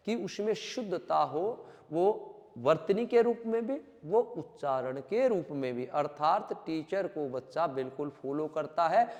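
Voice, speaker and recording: A man's voice: on the high side, big-room sound. A man teaching a coaching class lecture, explaining by restating terms and speaking directly to his students.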